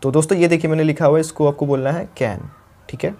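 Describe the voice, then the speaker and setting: Young man, English teacher, slightly high voice, repeats each word slowly, steady explaining tone. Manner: repeats words slowly to model pronunciation; explanatory, checks in with "thik hai" often. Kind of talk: spoken English lesson.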